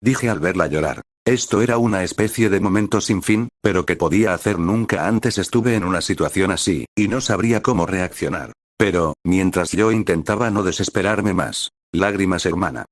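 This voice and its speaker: A man's voice: deep voice, normal speed, hardly any pauses, dry recording, studio quality. A man reading a fan fiction story aloud in the first person, with emotional, dramatic storytelling.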